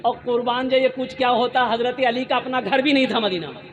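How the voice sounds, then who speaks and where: A man's voice: very high-pitched, brisk, a bit bright. A man from Kolkata preaching a sermon at a religious gathering. He asks dramatic rhetorical questions, answers them himself, and builds to rising exclamations. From Kolkata, India. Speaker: Islamic preacher.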